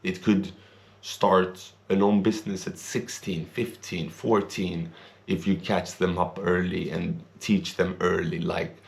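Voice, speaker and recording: Raised guy vlogging his opinions, deep voice w/ lots of fry, earnest and rambly. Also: little pitch movement, slow pace. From Sweden. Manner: earnest, rambling, non-native grammar. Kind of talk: casual opinion monologue.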